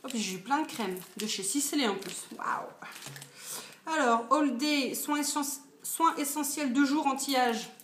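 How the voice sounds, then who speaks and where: A woman's voice: sits high, a little slow, a bit bright. A woman in her twenties chatting casually about her purchases in a beauty haul video, with lots of fillers. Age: 20s. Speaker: beauty vlogger. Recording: echoey room, faint noise.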